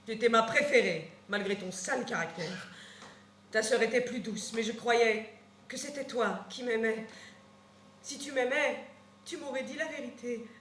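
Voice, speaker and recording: An actress playing an old, devoted nurse who scolds and laments on a theater stage, swinging from shouts to murmurs. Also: female voice, high voice, measured pace, pauses often. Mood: hurt. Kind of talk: stage acting. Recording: roomy stage with faint noise.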